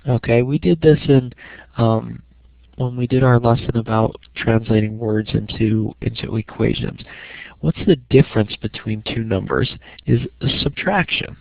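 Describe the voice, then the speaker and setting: A middle-aged math teacher leads a relaxed, step-by-step lesson, often asking "okay" to check that listeners understand. He speaks at a measured pace in a mid-range voice with vocal fry. It's a dry, dull lo-fi recording from a small room at home, with no room sound.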